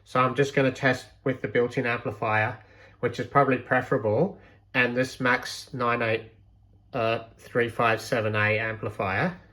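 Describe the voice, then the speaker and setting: Here a man with a medium-pitched, steady, sharp-toned voice speaks at a normal speed. He gives an unscripted, laid-back tour of an electronics project he built at home, pausing to think aloud.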